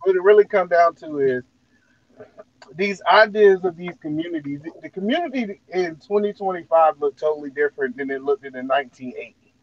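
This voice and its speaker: A man with a fairly high voice chats in a loose, joking, rambling way on a livestream panel. His sound is muffled and dull, as if he were talking through a wall. A poor call mic gives the recording a lo-fi feel. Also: brisk, no room sound. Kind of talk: casual panel debate. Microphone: poor microphone on a video call.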